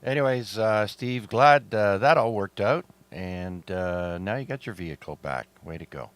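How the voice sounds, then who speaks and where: Man, deep voice, middle-aged, radio net host, relaxed chatty delivery, lots of uh's, slightly sore throat. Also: measured pace. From Canada. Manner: relaxed, chatty, many fillers. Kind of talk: amateur radio net chat.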